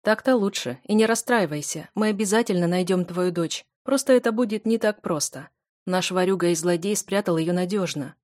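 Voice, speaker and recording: A woman voicing a steady, self-assured man who runs orphanages, speaking calmly and matter-of-factly. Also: fairly low pitch, moderate pace, no room sound, clean studio sound, close to an everyday voice.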